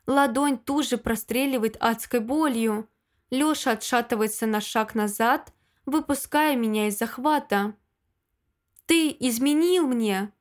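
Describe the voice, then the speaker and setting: A woman's voice: a little high, unhurried. A woman narrating a first-person audiobook in an emotional, dramatic reading.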